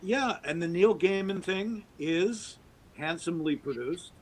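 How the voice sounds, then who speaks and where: In an expressive, unhurried voice with a darkish tone, a middle-aged man speaks as a podcast guest, offering an opinionated monologue at length with emphatic, swooping delivery.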